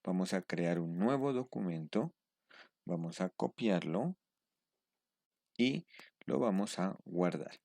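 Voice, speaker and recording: Deep-voiced patient male instructor. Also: lively intonation, takes it slowly, creaky, pauses often, a little mellow, no echo, studio quality. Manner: patient step-by-step explaining, checking in with a questioning "mm". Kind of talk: screen-recorded tutorial.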